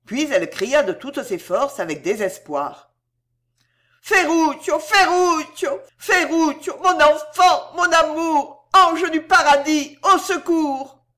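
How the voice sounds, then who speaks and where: A woman's voice: mid-range voice, sing-song, measured pace, hardly any pauses. A woman voicing a frightened old grandmother who is tender and desperate, speaking in a trembling, pleading way. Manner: trembling, pleading, breaking into anguished cries. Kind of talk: audiobook character voice.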